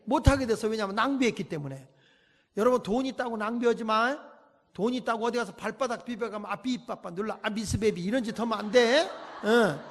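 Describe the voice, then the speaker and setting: A man preaching at a revival service in a church, telling folksy, animated stories and acting out the people in them. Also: very high voice. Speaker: pastor. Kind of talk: revival sermon with acted anecdotes. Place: church sanctuary. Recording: long hall reverb.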